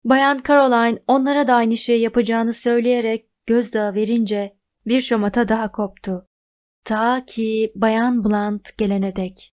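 A woman's voice: on the high side, a little mellow. Woman narrating a novel, lo-fi. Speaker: audiobook narrator. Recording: dull lo-fi recording.

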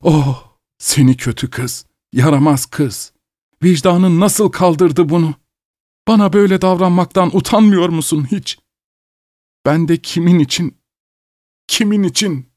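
A man voicing a desperate, furious old father who shouts and wails breathlessly in an audiobook. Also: mid-range voice, steady tone, moderate pace, breathy edge, dry recording, clean studio sound, natural voice. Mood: wailing. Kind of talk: audiobook character voice.

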